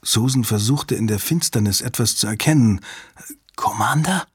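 A man's voice: fairly low pitch, brisk, slightly rough, dry recording, studio quality. A man narrating a thriller audiobook in a tense, dramatic reading.

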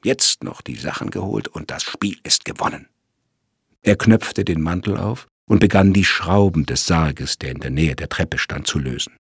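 A man narrating a crime story in a lively storytelling manner. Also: low-pitched, creaky, husky, dry recording, studio quality.

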